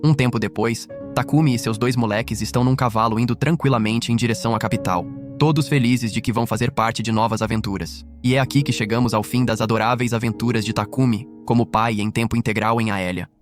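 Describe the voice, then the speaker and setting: A man's voice: medium pitch, steady tone, fast, hardly any pauses, over music. A man reading a scripted anime recap as narrator, with a wry, joking delivery.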